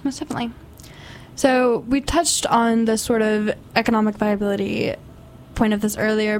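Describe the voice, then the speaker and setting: A woman's voice: medium pitch, a little mellow, slight background noise. A woman hosting a campus radio show, interviewing a guest and reading announcements in an upbeat way.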